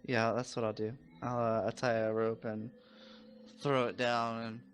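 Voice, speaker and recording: A man's voice: medium pitch, level tone, unhurried, slight background noise. A man chatting casually as a player in a tabletop game, often searching for his words. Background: background music.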